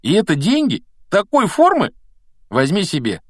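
A man voicing an excitable, easily awed boy wizard in a storybook reading, with high, breathless exclamations. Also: normal speed, no echo, close to an everyday voice. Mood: excited.

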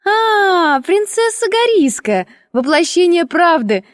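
A woman's voice: high voice, big pitch swings, moderate pace, dry recording, studio quality. A woman voicing a cheerful, affectionate young woman in an audiobook. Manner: bright, merry and affectionate. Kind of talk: audiobook character reading.

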